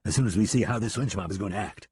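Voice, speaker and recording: A man's voice: lowish voice, very fast, darkish tone, slightly rough, dry recording, clean studio sound. A man voicing a cocky, short-tempered outlaw in an audiobook reading. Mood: scheming. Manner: snapping, cocky.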